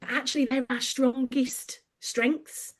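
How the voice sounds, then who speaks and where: A woman's voice: high voice, fairly even intonation, takes it slowly. A woman with a Birmingham accent, a podcast guest who tells stories with animation and laughs easily. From England. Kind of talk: podcast conversation.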